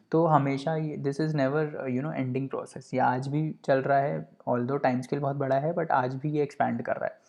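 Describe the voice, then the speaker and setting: A man's voice: medium pitch, creaky, darkish tone. Conversational man explaining a lecture. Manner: explains step by step, mixing in English phrases and checking with "right?"; conversational, with frequent "you know" fillers. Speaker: geography teacher.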